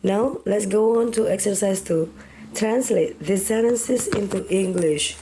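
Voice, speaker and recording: A young woman with an Indonesian accent teaching English grammar in a deliberate, step-by-step way, drawing out example words syllable by syllable. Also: mid-range voice, noisy background. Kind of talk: slow step-by-step grammar lesson.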